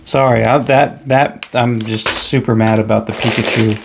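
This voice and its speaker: Gravelly guy chatting slow and opinionated, loud plastic bag crinkling behind him. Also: medium pitch, fairly even intonation, noisy background. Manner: opinionated, rambling, counting pieces aloud. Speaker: hobby vlogger. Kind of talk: casual rambling commentary while building a set. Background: crumpling bags and shuffling pieces.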